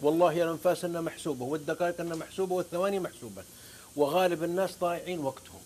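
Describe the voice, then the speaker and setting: A man's voice: on the high side, very fast, a little mellow, a little hiss or hum. A man with a Saudi accent, a guest preacher on a talk show, telling stories with fervent oaths and scripture quotes. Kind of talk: religious talk-show storytelling.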